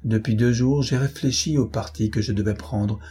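A man's voice: medium pitch, steady tone, normal speed, mellow, husky. A man reading aloud and voicing a grave young woman who speaks with firm, solemn resolve. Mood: resolute.

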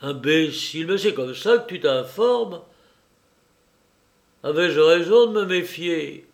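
A man doing a mocking, gravelly gentleman burglar. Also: a little high, animated, voice pushed up, exaggerated voice. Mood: sardonic. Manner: brisk, sardonic, bossy.

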